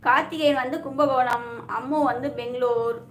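A woman's voice: high-pitched, steady tone, moderate pace. A woman from hosting a casual live stream, chatty and teasing as she greets viewers by name. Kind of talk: casual live chat reading viewer comments. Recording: echoey room with faint ambient noise.

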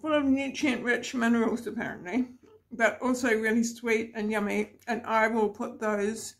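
A woman's voice: fairly high pitch, steady tone, normal speed. A woman vlogging casually about her garden, chatty and rambling, often laughing as she talks. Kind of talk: casual chatty vlog to camera. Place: home garden in hot weather.

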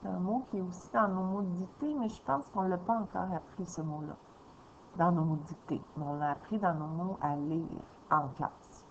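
A woman teacher leading a slow, patient reading lesson for young children, sounding out syllables. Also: fairly low pitch, a little hiss or hum. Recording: slightly dull lo-fi recording.

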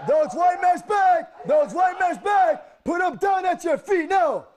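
Drill instructor, shouting orders, high-pitched, loud crowd around. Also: male voice, expressive, unhurried, heavy background noise. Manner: shouting commands, clipped and relentless. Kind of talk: barked orders.

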